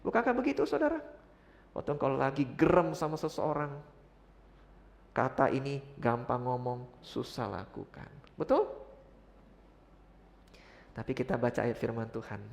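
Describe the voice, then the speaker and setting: A middle-aged man preaching a sermon as pastor, calling out to his congregation for responses and swinging from loud exclamations to quiet asides. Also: mid-range voice, lively intonation, normal speed, vocal fry, pauses often.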